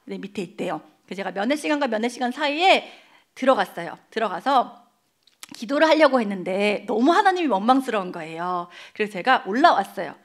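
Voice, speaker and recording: A woman's voice: medium pitch, lively intonation, fairly quick. A middle-aged woman speaking at a church service, telling a personal testimony with emotion and acting out the dialogue. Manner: emotional storytelling, acts out quoted dialogue.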